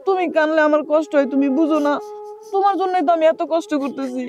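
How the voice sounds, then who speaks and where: A woman's voice: sits high, animated, normal speed. A tearful young village woman. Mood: pleading. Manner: tearful, pleading. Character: poor young village woman, sorrowful and tender. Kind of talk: TV drama acting.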